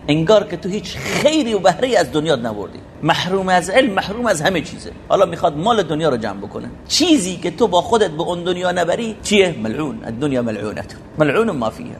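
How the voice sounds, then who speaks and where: A man's voice: fairly high pitch, big pitch swings, gravelly, slight background noise. Male religious teacher, rhetorical and earnest. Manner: rhetorical questions, recites Arabic quotes. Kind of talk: sermon-like lesson explaining a poem.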